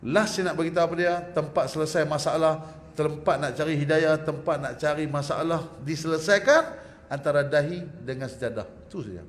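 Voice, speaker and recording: A man preaching a religious lecture in a mosque prayer hall. He is lively and joking, often asks the audience to agree with him, and ends with a prayer. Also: on the high side, a little fast. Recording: echoey hall with faint background hum.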